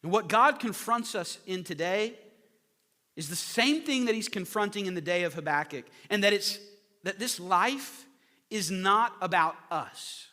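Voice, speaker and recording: A man's voice: sits high, lively intonation, measured pace, pushed and bright. A man preaching an earnest sermon, repeating phrases for emphasis. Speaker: pastor. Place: church sanctuary. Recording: echoey hall with long reverb.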